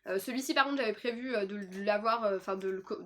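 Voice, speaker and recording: A woman's voice: medium pitch, quick pace. A young woman with a French accent chatting casually about her new books, with plenty of fillers and restarts. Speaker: book vlogger. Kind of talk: casual chat.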